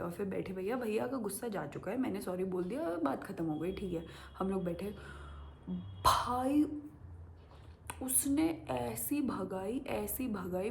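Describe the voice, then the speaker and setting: A woman's voice: mid-range voice, vocal fry, a little hiss or hum. A young woman telling a story casually to camera as a vlogger, acting out the voices of the people in it. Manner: animated, acts out quoted voices.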